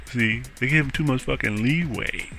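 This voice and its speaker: A man's voice: medium pitch, normal speed, creaky, fairly bright tone, soft background music. A man telling a story in an indignant, profane rant, often laughing at his own account.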